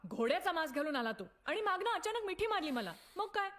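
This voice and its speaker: A flustered young wife. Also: female voice, very high voice, very animated, fairly bright tone, exaggerated voice. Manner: flustered, quick denials. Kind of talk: comic film acting.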